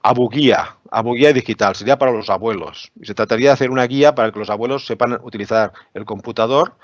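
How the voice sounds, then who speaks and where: This education lecture comes from a man of medium pitch who speaks fast, presenting slides and explaining patiently while often asking "¿no?" so listeners keep up. It's dry, dull lo-fi webinar audio with no room sound.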